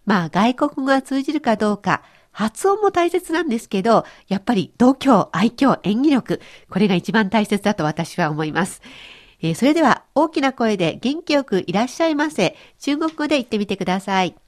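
A woman's voice: a little high, brisk. A woman presenting a radio language lesson, explaining cheerfully. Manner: cheerful explaining, lively intonation. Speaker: language teacher.

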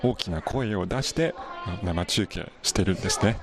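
A man reporting on location, describing the scene calmly and matter-of-factly. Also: deep voice, normal speed, over music. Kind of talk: on-location news commentary. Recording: busy crowd noise behind.

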